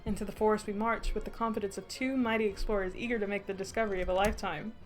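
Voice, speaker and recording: A woman streamer narrating a story game aloud in a steady storytelling voice. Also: mid-range voice, very fast, soft background music.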